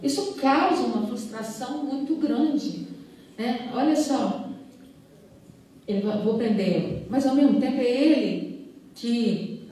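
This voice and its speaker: A woman's voice: on the high side, dark tone. Earnest woman in an echoey hall. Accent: Minas Gerais Portuguese. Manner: earnest, halting, with many restarts. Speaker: police chief at a women's police station. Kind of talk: panel talk, recounting a case. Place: event hall. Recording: very echoey hall, mic far off.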